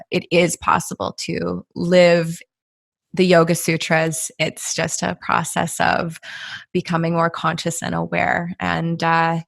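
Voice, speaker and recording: A woman hosts a podcast in a lowish voice with a gravelly edge. She sounds eager and keen, stumbling and repeating words as she gathers her thoughts. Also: fairly bright tone. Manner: enthusiastic, halting, repeats herself. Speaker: podcast host. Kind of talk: casual interview chat.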